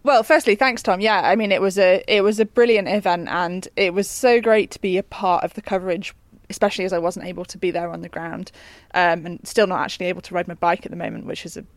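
A woman's voice: lowish voice, fast, no echo. A woman with a British accent, co-hosting a podcast in casual, enthusiastic and emphatic talk. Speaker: podcast co-host. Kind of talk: casual chat.

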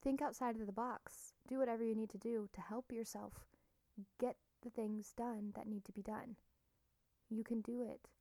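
A woman podcast host giving a blunt, encouraging self-help pep talk, soft and deliberate with plenty of swearing. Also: on the high side, fairly even intonation, dry recording.

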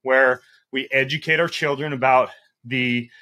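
A man's voice: mid-range voice, steady tone, measured pace, bright, forceful tone. A man hosting a podcast, speaking thoughtfully in casual chat and hedging his points. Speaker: podcast host.

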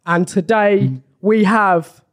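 A woman's voice: medium pitch, takes it slowly. Bantering podcast host, a woman. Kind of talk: casual bantering chat.

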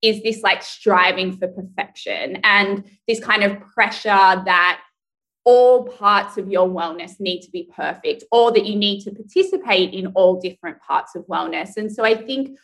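A woman's voice: mid-range voice, unhurried, fairly bright tone, poor audio. Candid, reflective woman guest. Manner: candid, reflective, thinking aloud. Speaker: guest, brand executive. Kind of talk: podcast interview.

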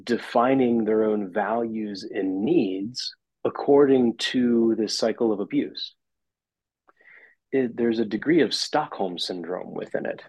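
A man, a therapist on a podcast, explaining ideas in a measured way with some fillers and restarts. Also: on the low side, a little mellow, slightly rough, no echo, low-quality recording. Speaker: therapist guest. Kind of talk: interview answers.

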